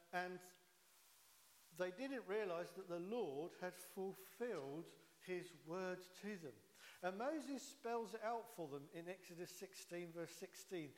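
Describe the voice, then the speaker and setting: Yorkshire preacher in an echoey hall. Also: male voice, high voice. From Yorkshire, England. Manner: chatty, folksy, with jokes and frequent "uh". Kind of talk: sermon.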